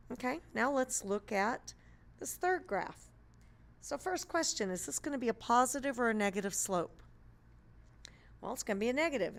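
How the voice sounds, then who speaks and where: A woman math teacher narrating a screencast lesson, explaining step by step in a patient way with playful memory tricks. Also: on the high side.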